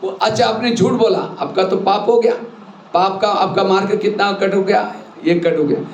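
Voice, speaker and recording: A man's voice: sits high, steady tone, normal speed, muffled recording. A man teaching a spiritual class, explaining rules with everyday examples and rhetorical questions. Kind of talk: sermon to a class. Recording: echoey hall with faint noise.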